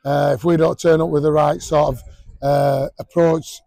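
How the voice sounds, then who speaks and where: A man's voice: a little high, little pitch movement, normal speed, gravelly, dark tone, rough recording. A man, a rugby coach giving a blunt post-match interview outdoors, full of fillers and restarts. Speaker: rugby league head coach. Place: outdoors at a sports ground.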